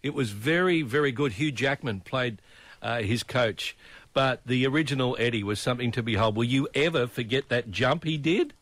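A man's voice: medium pitch, normal speed, a bit bright, no echo. A man with an Australian accent hosting breakfast radio in a matey, jokey, slangy way. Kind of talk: upbeat radio chat and links. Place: radio studio.

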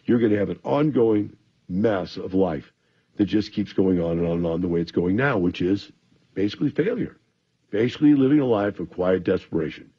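A man's voice: sits low, brisk, slightly rough, highs cut off. A man hosting a radio show, sounding a little groggy from antihistamines, explaining things directly to listeners in a rambling advice monologue.

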